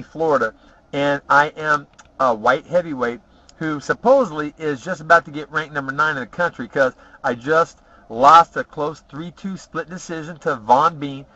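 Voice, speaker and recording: A man telling rambling, boastful stories from his past, swearing freely and filling pauses with "uh" and "you know what?". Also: a little high, sharp tone. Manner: profane, boastful, rambling with many fillers. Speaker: vlogger telling personal stories. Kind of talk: casual storytelling monologue. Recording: dull lo-fi home video audio.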